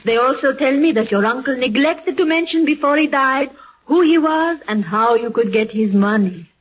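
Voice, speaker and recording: Fortune teller: high, very expressive female voice, grand and portentous, old muffled radio comedy sound. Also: moderate pace. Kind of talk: 1940s radio comedy acting. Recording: muffled old radio broadcast, faint noise.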